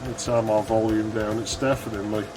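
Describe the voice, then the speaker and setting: Loud game music and sound effects play under a gaming video host who talks casually and understatedly while playing, thinking aloud as he goes. His voice is fairly low and level, a little fast, and the recording is rough.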